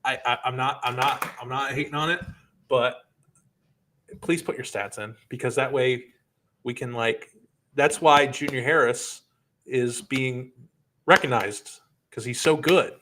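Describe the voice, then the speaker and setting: A man co-hosting a casual high school football talk show, speaking in a conversational, teasing way. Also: fairly even intonation, a little slow, pauses often, pushed and bright, slight background noise. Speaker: podcast co-host.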